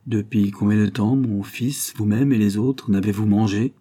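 A man reading the lines of a starving, desperate older father who pleads in a low, secretive murmur. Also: fairly even intonation, moderate pace, dark tone, breathy edge. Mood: urgent. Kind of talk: audiobook dialogue reading.

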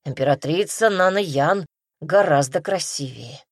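A woman's voice: sits low, a little slow, dry recording, clean studio sound. Woman voicing a lecturing male creature. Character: talkative wise male creature companion.

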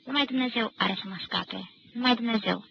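A woman's voice: on the high side, vocal fry, a little hiss or hum. A woman reading a grieving young man in a storybook. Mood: despairing. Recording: dull lo-fi 1990 radio archive recording.

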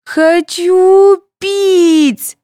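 A woman's voice: very high-pitched, steady tone, drawn-out words, dark tone, dry recording, clean studio sound, voice pushed up, exaggerated voice. A woman voicing a spoiled, wild little girl who whines and screeches in an audiobook. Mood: whining. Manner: whiny, screeching.

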